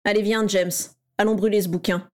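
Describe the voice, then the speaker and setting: A woman's voice: mid-range voice, steady tone, brisk, lightly acted. A woman voicing a cold, contemptuous older schoolboy who speaks with scorn. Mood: scornful.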